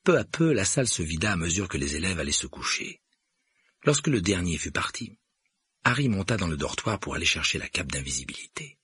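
Audiobook narrator, man: low, husky, animated, dry close mic. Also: fairly quick, no room sound. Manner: expressive storytelling. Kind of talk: scripted narration.

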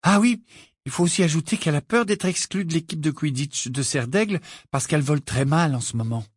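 A man voicing Hermione, a bossy, clever teenage girl who talks in a brisk, prim, lecturing way. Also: on the high side, slightly rough, dry recording, clean studio sound, voice pushed up.

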